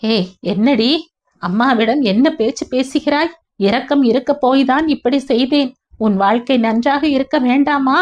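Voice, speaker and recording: A woman's voice: high-pitched, unhurried, pitched above the performer's own voice. A woman voicing a stern middle-aged father who speaks harshly and commandingly. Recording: dull lo-fi recording.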